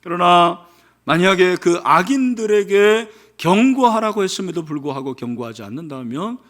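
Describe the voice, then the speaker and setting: High-voiced pastor preaching with questions. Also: male voice, expressive, moderate pace, a bit bright. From South Korea. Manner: rhetorical questions to the congregation, leads responsive reading. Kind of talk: sermon.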